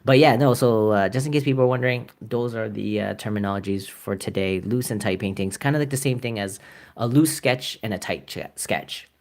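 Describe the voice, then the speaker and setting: Rambling Canadian man, lowish voice. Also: brisk, a little mellow. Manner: rambling, filler-heavy, chuckling. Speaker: artist streaming live. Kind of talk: casual live-stream chat while painting.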